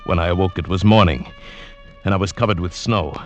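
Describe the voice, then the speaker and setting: An actor narrating as a climber who survived a great fall, telling it dramatically in first person in an old radio drama, with music behind him. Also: male voice, low voice, brisk, lightly acted. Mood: tense. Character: adult male climber recounting his fall. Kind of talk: 1940s radio acting.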